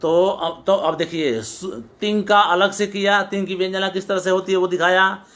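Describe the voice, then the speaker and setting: A middle-aged man lectures on classical poetics in a voice pitched a little high for a man. He quotes a line, then unpacks it piece by piece, stumbling and restarting words as he goes. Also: fairly even intonation, moderate pace, a bit bright, slight background noise. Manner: explanatory, repeats and restarts words, quotes verses then glosses them. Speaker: teacher.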